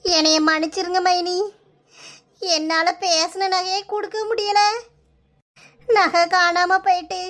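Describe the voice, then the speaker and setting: A woman's voice: very high-pitched, flat delivery, slow pace, pauses often, a bit bright, exaggerated voice. A woman voicing a distraught village mother in a cartoon, pleading tearfully in a Kanyakumari Tamil accent.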